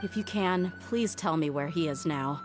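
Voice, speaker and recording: Woman playing a low-voiced, stern young woman. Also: normal speed, natural voice. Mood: frustrated, hurt. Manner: blunt, firm, commanding. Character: stern, determined young woman investigator with a short temper. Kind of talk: video game voice acting. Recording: music under the voice.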